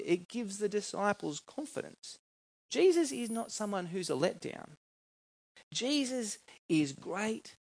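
A man from New South Wales, Australia, with an Australian accent, preaches a sermon in an informal, conversational way, often asking his listeners questions. The talk mixes scripture reading with personal anecdotes. His voice is high-pitched and creaky, recorded with no echo.

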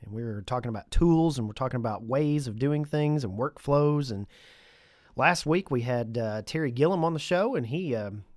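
A man's voice: mid-range voice, lively intonation, normal speed, a little mellow, no room sound, clean studio sound. A man with a stuffy nose hosting a podcast on his own, chatting casually and conversationally with lightly joking asides. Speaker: podcast host. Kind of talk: casual solo podcast talk.

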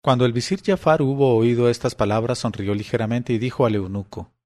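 A man narrating an audiobook of classic tales at a middle pitch. His delivery is even and clear, the steady pace of a storyteller reading a long book aloud. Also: a little fast.

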